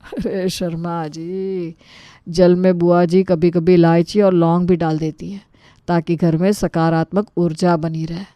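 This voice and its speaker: A woman's voice: on the low side, level tone, mellow, clean tone, no echo, natural voice. Woman voicing a flustered young man. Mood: placating. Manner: placating, quick excuses.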